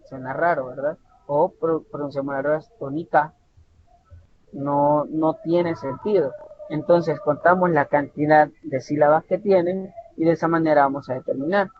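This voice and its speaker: A man from El Salvador gives an online tutoring lecture in a slightly high voice, explaining step by step and often checking with his listeners. The recording is dull and lo-fi, with a faint rumble behind him. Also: steady tone, moderate pace. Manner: explanatory, repeats and restarts words, says "¿verdad?" often.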